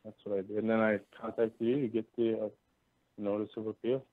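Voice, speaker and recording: A man from Canada calling in over a breaking-up voice call line, telling his story in a halting way with many restarts. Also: fairly low pitch, little pitch movement, dry recording. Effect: heard over a breaking-up voice call line. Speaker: caller. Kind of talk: casual phone-in conversation. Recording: tinny, dry voice call line.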